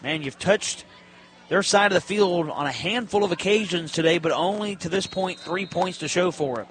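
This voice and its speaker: Calling a football match live for radio, a man speaks in a high-pitched, slightly bright voice at normal speed. His phrases are clipped and descriptive, and the broadcast carries stadium atmosphere and faint background noise.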